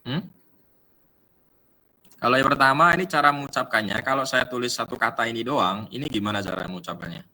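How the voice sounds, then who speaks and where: A man's voice: medium pitch, fairly quick, long pauses, bright, forceful tone. A man with an Indonesian accent teaching an English class, mixing English words into his explanations with many fillers. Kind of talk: online class lesson.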